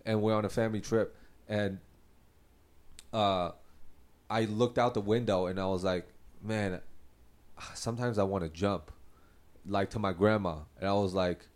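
A man's voice: on the low side, little pitch movement, moderate pace, pauses often. A man in his thirties talking candidly in a casual personal monologue, rambling and restarting his sentences, with light laughs at his own remarks. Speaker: host.

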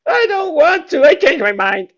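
Small frightened schoolboy, comic radio play: very high, swooping, stammering protests, muffled from inside a locker. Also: male voice, big pitch swings, moderate pace, a bit bright, full character voice. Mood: whiny, pleading. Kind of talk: comedic radio-play acting.

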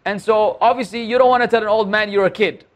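A man in his forties with a noticeably high-pitched voice chats on a podcast. He talks candidly and pokes fun at himself, often restarting his sentences mid-thought. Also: steady tone, quick pace. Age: 40s. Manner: candid, self-deprecating, lots of restarts. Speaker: podcast guest, Islamic preacher. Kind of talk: casual podcast conversation.

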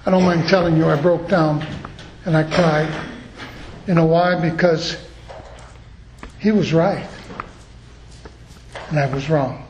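A man's voice: on the high side, fairly even intonation, slow, pauses often, darkish tone, reverberant, muffled recording, slight background noise. A middle-aged man preaching a sermon, earnest and telling stories from his own life. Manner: earnest, storytelling.

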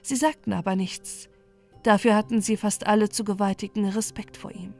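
A woman reading a fairy tale aloud in a calm, soothing bedtime manner. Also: medium pitch, normal speed, gravelly, soft background music. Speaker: storyteller.

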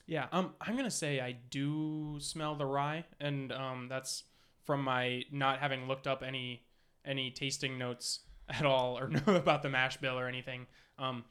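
A man's voice: medium pitch, steady tone, measured pace, fairly bright tone. A man leading a blind whiskey tasting with friends in casual chat, laughing often and poking fun at himself. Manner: chatty, laughs often, self-deprecating.

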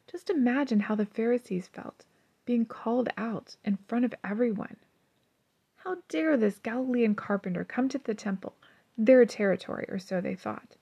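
Gentle, husky-voiced woman reading a devotional. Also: fairly high pitch. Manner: earnest, gentle, softly drops to near-whisper. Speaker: devotional podcast host.

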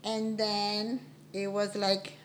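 A woman in her sixties from Cuba, a podcast guest who talks in an animated, boastful way and keeps protesting. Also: mid-range voice, slow, slight background noise. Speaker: guest, host's mother. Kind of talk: casual podcast chat.

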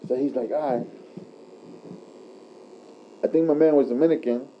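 A man's voice: mid-range voice, fairly even intonation, normal speed. A man chatting casually like a frat bro, telling anecdotes in crude slang and punctuating them with bro. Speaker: tattoo artist telling stories. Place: tattoo shop. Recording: dull lo-fi recording.

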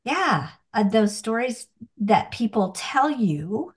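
A woman in her forties speaks slowly as a guest on a faith-based chat. She often stops and restarts her sentences. Her voice sits a little higher than most. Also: very animated. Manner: halting, restarts, laughs often. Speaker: guest, coaching client.

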